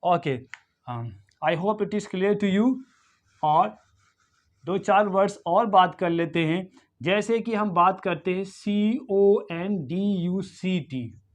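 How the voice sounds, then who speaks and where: A man with an Indian accent teaching English pronunciation in a video lesson, saying each word slowly and repeating it for practice. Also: high voice. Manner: slow, repeats words for drilling, mixes Hindi and English.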